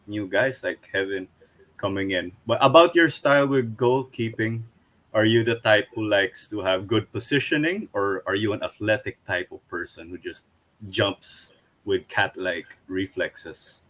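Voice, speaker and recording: A man's voice: fairly low pitch, a little slow, a bit bright. A man co-hosting a casual interview, asking long, chatty questions. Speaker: podcast co-host.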